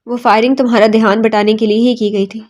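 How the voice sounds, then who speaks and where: A woman's voice: a little high, flat delivery, close to an everyday voice. A woman voicing an angry male police superintendent scolding his men in a storybook reading. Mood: furious. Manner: shouting, scolding.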